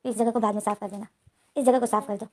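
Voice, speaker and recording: A woman's voice: mid-range voice, steady tone, fast, lightly acted. A woman voicing a devoted male assistant who coaxes politely and then holds firm. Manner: coaxing, polite, turning insistent.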